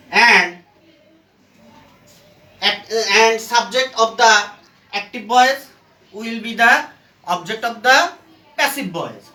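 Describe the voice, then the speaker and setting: Speaking in short, halting phrases, a teacher walks through a grammar lesson step by step, posing questions and answering them. The medium-pitched voice sounds pushed and bright, captured from a distance in an echoey room.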